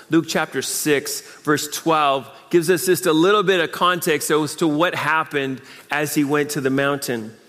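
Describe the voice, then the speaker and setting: A man's voice: mid-range voice, fairly bright tone, long reverb tail. A man preaching a sermon as pastor, speaking emphatically with rhetorical questions and repeated phrases. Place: church.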